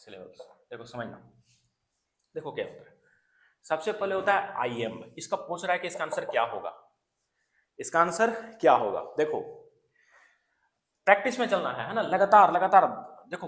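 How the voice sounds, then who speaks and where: With a fairly high voice in a reverberant space, an exam prep teacher runs a coaching lecture. His delivery is repetitive, circling back to key terms, and he keeps checking in with "है ना" and "clear".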